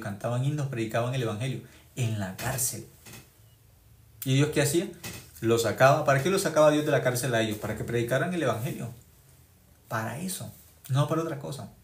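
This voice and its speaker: A male preacher delivers a sermon at a middle pitch, pressing hard on key phrases and repeating them. He keeps asking the congregation questions and answering them himself. The recording has a roomy echo around his voice.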